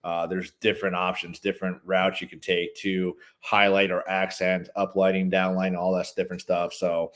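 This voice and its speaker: A man who runs a lighting business, telling rambling, animated stories in a casual interview. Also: sits low, moderate pace, hardly any pauses. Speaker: guest, holiday lighting business owner.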